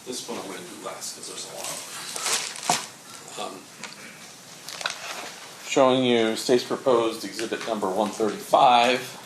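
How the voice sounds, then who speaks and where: A man's voice: fairly low pitch, measured pace, pauses often. A man working as a prosecutor, questioning a witness in a courtroom methodically with frequent "uh" and "um", heard in a courtroom recording. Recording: echoey courtroom recording with background noise.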